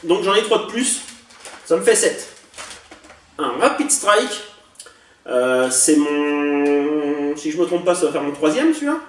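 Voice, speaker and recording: A man with a fairly high voice chats casually and a little hesitantly, stopping often to correct himself. He sounds a bit far from the mic in an echoey room. Faint background noise and clicks from handled toys sit behind him. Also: very animated, measured pace, long pauses. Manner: chatty, hesitant, many fillers and self-corrections. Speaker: toy collector showing a haul. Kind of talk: casual unboxing vlog.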